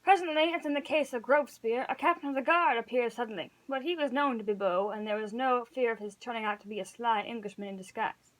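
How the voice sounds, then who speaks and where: A woman reads a story aloud as an amateur narrator for an audiobook read-along, occasionally stumbling over words and correcting herself. Her voice is fairly high and fast, and the recording is rough.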